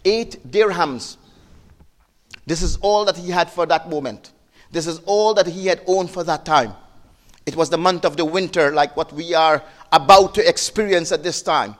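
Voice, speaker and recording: A man giving a sermon as a preacher, telling a story with emotive rises and hushed drops, repeating words and restarting. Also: normal speed. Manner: emotive, rises and drops sharply in pitch and loudness; repeats words and restarts, non-native phrasing.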